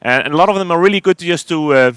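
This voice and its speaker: A man's voice: a little high, quick pace, fairly bright tone, smooth, no echo. A middle-aged man from Iceland, giving a technical conference talk from a stage, hesitant with many fillers and restarts. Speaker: conference speaker.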